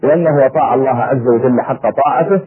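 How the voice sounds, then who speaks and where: A man's voice: mid-range voice, quick pace, crowd noise. A man preaching an impassioned sermon to his listeners, acting out the voices in the stories he tells. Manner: impassioned, acts out dialogue. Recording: tinny phone-like radio sound.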